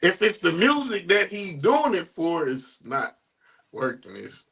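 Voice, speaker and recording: Man on a podcast, raspy, sharp kinda tone, stumbles over words. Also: high-pitched, huge pitch swings. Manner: halting, repeats words. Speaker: podcast co-host. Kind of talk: casual chat. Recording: farther from the mic.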